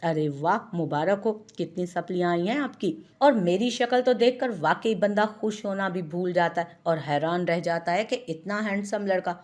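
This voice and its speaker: A boastful young joker who never stops teasing his cousins, his lines playful and mocking, read out by a woman. The voice sits a little low. It is heard in a narrated audio story. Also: normal speed, few pauses, darkish tone, natural voice.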